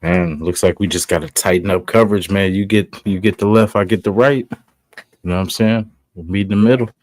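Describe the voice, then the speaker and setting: Low, dry-sounding podcast co-host. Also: male voice, fairly quick, no room sound. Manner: relaxed, hedging talk with frequent "you know what I'm saying". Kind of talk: casual sports podcast chat.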